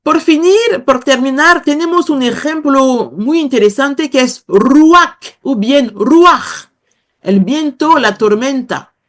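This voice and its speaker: Woman professor, high voice, measured unhurried delivery, pauses to find her words. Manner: slow, hesitant, searching for words. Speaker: guest professor. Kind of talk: explaining a language lesson.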